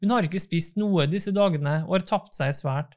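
A man reading the part of a brisk middle-aged mother who scolds half in jest. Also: sits high, natural voice. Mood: scolding.

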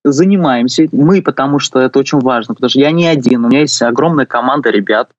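A man in his late twenties, a guest on a radio show, speaking earnestly with many pauses and fillers. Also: mid-range voice, no room sound, highs cut off. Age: 20s. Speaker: guest, youth official. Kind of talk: radio interview.

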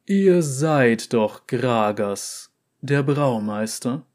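A man's voice: mid-range voice, lively intonation, extremely slow, darkish tone. A man voicing an impatient old merchant with a big-city accent, cold and haughty. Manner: haughty, snapping.

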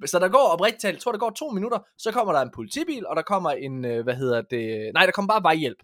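A man with a high-pitched voice chats as a podcast host. He rambles through anecdotes in an informal way and swears freely. The delivery is casual and conversational. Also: sing-song, fairly bright tone. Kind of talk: casual chat, anecdotal storytelling.

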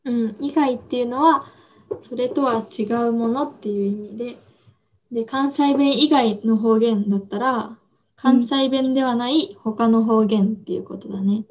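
A woman co-hosting a casual podcast from home, explaining Japanese words slowly and gently with everyday examples. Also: fairly high pitch. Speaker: podcast co-host.

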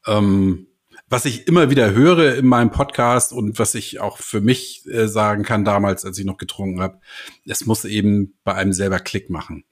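A man in casual conversation, telling stories in an animated way and acting out the people he quotes. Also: on the low side, normal speed. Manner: animated storyteller, acts out quoted voices. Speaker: hypnotist and podcast host guest.

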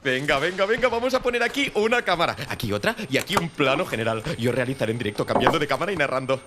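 A man's voice: a little high, very animated, quick pace, noisy background. A man playing a hyperactive youtuber who talks like a hyped showman.

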